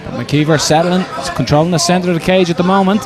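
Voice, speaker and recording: An Irish man giving excitable live play-by-play commentary as lead fight commentator. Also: sits high, fast. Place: indoor arena. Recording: live arena commentary over crowd noise.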